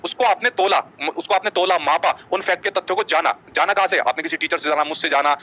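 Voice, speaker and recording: A man's voice: fairly high pitch, fast, bright, forceful tone, low-quality recording. A man teaching a live online exam-prep class. He keeps asking the class rhetorical questions and answering them himself, and he tags "ठीक है?" onto nearly every point.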